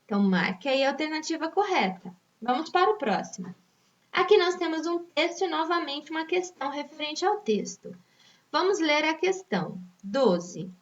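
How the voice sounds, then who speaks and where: A woman's voice: high voice, animated, normal speed. A woman teacher with a Brazilian accent patiently reading test questions aloud to young pupils, stretching out each answer option. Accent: Brazilian Portuguese. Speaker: primary school teacher. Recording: dull, distant lo-fi recording.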